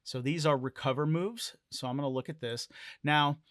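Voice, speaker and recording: A man narrating a solo tabletop role-play game in a measured, deliberate storytelling manner. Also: on the high side, a bit bright, dry recording, clean studio sound.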